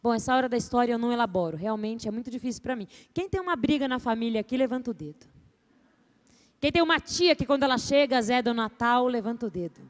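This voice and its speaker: A woman with a high voice performs a story live for a seminar audience. She talks expressively and playfully, often asking the crowd to raise their hands. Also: fast talker. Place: seminar stage before an audience.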